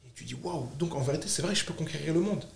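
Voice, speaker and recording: Talking very fast in a gravelly, fairly high voice, this man from France joins a podcast as a guest and startup founder, keeping things lively and casual. He emphasizes points by repeating and piling up short phrases, heard in a roomy space with slight background noise.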